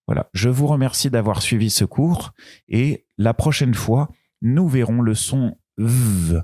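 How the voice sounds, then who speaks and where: A man's voice: medium pitch, darkish tone, no room sound, studio quality. A man teaching beginners French pronunciation, patient and repeating each sound with care. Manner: patient, repeats each syllable with a drawn-out delivery. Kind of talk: slow beginner pronunciation lesson.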